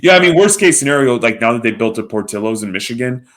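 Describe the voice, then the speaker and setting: A man's voice: mid-range voice, animated, quick pace, fairly bright tone. A man co-hosting a podcast, talking in a loose, joking way with some swearing. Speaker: podcast co-host. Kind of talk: casual chat.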